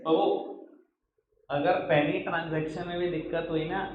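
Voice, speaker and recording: High-voiced teacher chiding his class. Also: level tone, narrow, tinny audio, a little hiss or hum. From Uttar Pradesh, India. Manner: chiding, teasing teacher who calls students "babu"; reads questions out slowly in English. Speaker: accountancy teacher. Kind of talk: classroom lecture mixing Hindi and English. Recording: echoey room.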